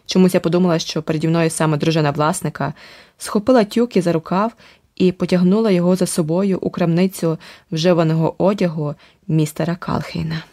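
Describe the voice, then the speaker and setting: A woman narrating an adventure audiobook in a steady, vivid storytelling manner. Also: on the low side, a little fast, dry recording, clean studio sound. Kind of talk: scripted narration.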